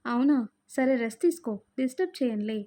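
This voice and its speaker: A woman's voice: sits high, lively intonation, a little fast, warm tone. A woman reading Priya, an innocent loving young wife. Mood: caring. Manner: pleading, affectionate. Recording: dull lo-fi sound.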